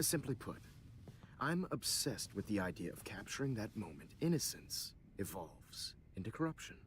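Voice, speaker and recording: Sinister middle-aged male teacher, very low voice, slow menacing villain monologue, breathy endings, video game drama, faint noise behind. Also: fairly bright tone. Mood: menacing, smug. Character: cold, self-obsessed male photography teacher turned killer, middle-aged.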